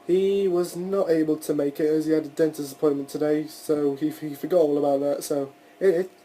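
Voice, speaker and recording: A man's voice: a little high, fairly even intonation, brisk, dark tone, a little hiss or hum, low-quality recording. A young man hosting a casual solo podcast, rambling through his thoughts with frequent restarts and the odd swear word. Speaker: podcast host.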